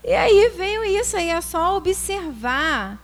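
A woman, a preschool teacher, telling a personal classroom story in an animated way, acting out quoted voices and using religious phrasing. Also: very high-pitched, slow pace. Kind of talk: personal testimony talk.

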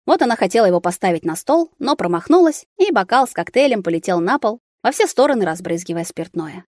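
A woman narrating an audiobook in a steady, expressive reading. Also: mid-range voice, quick pace, no room sound, clean studio sound.

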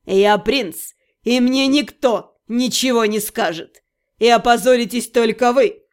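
A woman's voice: fairly high pitch, clear, resonant tone, voice pushed down, close to an everyday voice. A woman voicing a drunk, arrogant young prince who drawls and sneers menacingly. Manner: slow, drawn-out, sneering.

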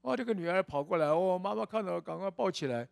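A man's voice: high-pitched, expressive, fast talker, gravelly, no room sound. A man preaching a storytelling sermon in a church, folksy in tone and asking rhetorical questions.

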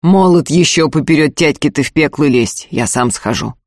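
A man reading an audiobook, voicing a stern, hot-tempered older peasant father who scolds in loud bursts. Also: fairly high pitch, normal speed, no echo, clean studio sound, lightly acted. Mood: scolding.

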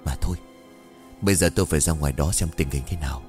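A man voicing a frightened but dutiful older village head who speaks in urgent, hushed tones. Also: very deep voice, fast, soft background music, voice pushed down.

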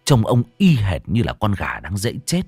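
Male horror storyteller, huge pitch swings, dry close sound, soft music underneath. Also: normal speed, gravelly, husky, no room sound. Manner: dramatic, expressive storytelling. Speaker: narrator. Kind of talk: ghost story narration.

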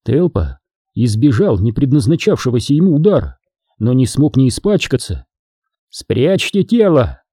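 A man reading an audiobook, narrating in an expressive storytelling manner. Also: medium pitch, moderate pace, slightly rough, dry recording, studio quality. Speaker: audiobook reader. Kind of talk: scripted narration.

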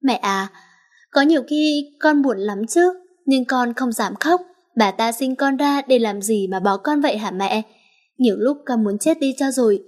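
A woman's voice: a little high, unhurried, a little mellow. A woman voicing a hurt little boy of about five who pleads tearfully with his new mother in an audiobook story. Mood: pleading.

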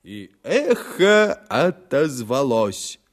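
A man voicing an ironic, skeptical young gentleman with a mocking manner in an audiobook reading. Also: medium pitch, big pitch swings, extremely slow.

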